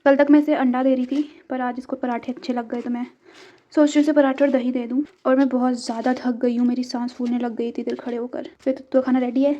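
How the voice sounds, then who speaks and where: A woman's voice: flat delivery, quick pace, warm tone, lo-fi sound. A young woman from India chatting casually to her viewers while she cooks at home, joking about herself and coaxing her cat. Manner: chatty, self-mocking, talks to her cat in a high coaxing voice. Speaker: vlogger. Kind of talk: casual home vlog chat. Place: home kitchen.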